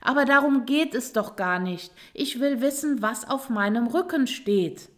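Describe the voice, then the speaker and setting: A woman's voice: fairly high pitch, lively intonation, a little slow. A woman voicing an impatient, vain female turtle with a golden shell, calling out insistently. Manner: insistent, indignant calls.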